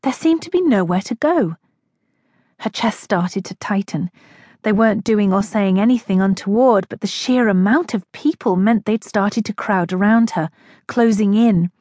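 A woman narrating an audiobook in a measured, expressive way. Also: mid-range voice, no echo. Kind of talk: scripted narration.

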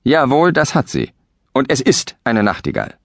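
Male reader doing a storybook husband: stubborn, excitable, raised voice, wide swings. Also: low-pitched, normal speed, no echo, clean studio sound, full character voice. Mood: indignant. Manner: insistent, increasingly heated. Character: stubborn, excitable shortsighted husband, middle-aged. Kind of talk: storybook reading.

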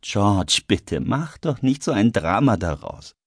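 A man's voice: lowish voice, very animated, slow, husky, no room sound, exaggerated voice. A man voicing a guilt-ridden young man in an audiobook, speaking urgently and pleadingly. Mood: pleading, tense. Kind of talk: audiobook character voice. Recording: dry studio recording.

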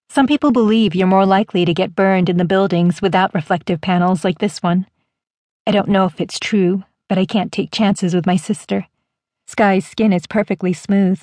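A woman narrating a first-person audiobook in a measured, even storytelling manner. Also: mid-range voice, no room sound, studio quality.

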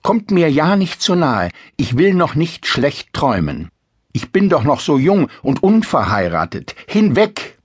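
A man voicing a sharp-tongued, theatrical young princess in a storybook reading. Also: mid-range voice, big pitch swings, measured pace, husky, dry recording, clean studio sound, pitched above the performer's own voice. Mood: mock shrieking. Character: haughty, mocking young princess.

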